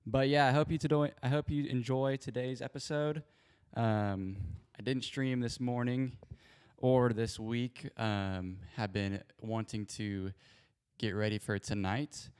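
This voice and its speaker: A man's voice: mid-range voice, fairly even intonation, a little slow, darkish tone, smooth. A man hosting a sports show in casual livestream chat, rambling and apologetic, speaking into a handheld mic in an echoey home garage. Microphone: spare handheld mic.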